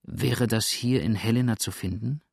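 A scheming, nervy fugitive from a storybook, brooding and tense as he speaks, played by a male narrator. His voice is mid-pitched, and the reading is dry and close. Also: moderate pace, vocal fry, darkish tone, breathy edge, no echo. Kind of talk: audiobook reading.

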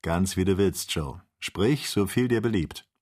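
A man reading aloud, voicing an adult male explorer who speaks calmly and proclaims grandly to his friends. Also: deep voice, unhurried. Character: adult male explorer, calm proud leader.

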